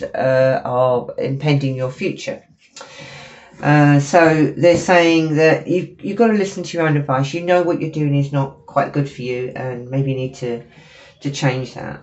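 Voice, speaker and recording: A woman's voice: low-pitched, darkish tone. Sniffly woman giving a casual tarot reading. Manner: chatty and apologetic, often pausing with fillers. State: has a cold, sniffling. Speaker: tarot reader. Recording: dull lo-fi recording with faint noise.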